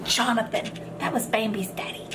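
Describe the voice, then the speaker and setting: A woman vlogger chatting casually at home, telling an animated, playful story. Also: a little high, normal speed, background noise. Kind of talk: casual chat. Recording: echoey room.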